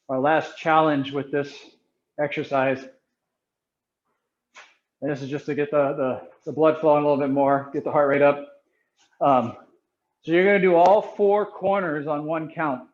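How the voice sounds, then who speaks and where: Muffled, higher-pitched man instructing a karate class.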